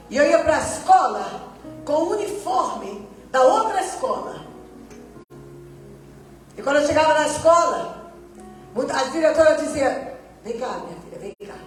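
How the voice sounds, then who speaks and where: A woman missionary giving a testimony sermon, telling her story and acting out the dialogue. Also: sits high. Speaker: missionary preacher. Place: church hall. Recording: echoey church hall, distant mic.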